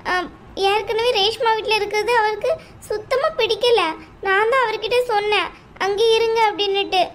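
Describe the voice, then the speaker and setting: A woman's voice: very high-pitched, steady tone, moderate pace, fairly bright tone, a little hiss or hum. Woman playing a pleading young wife. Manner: pleading, tearful. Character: young newly married wife, pleading and desperate.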